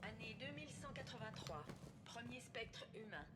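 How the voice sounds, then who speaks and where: Woman as female archive computer, highish pitch, detached, factual, scripted game announcement, loud ambient noise. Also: lively intonation, normal speed, close to an everyday voice. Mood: neutral.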